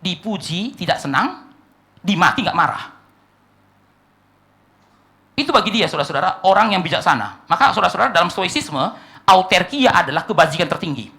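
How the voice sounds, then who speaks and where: A male pastor delivering a sermon, swinging between loud emphatic lines and quiet asides, acting out short dialogues in a lowered voice. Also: sing-song, brisk, gravelly, long pauses. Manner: preaching with sweeping pitch swings, drops to quiet asides. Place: church hall.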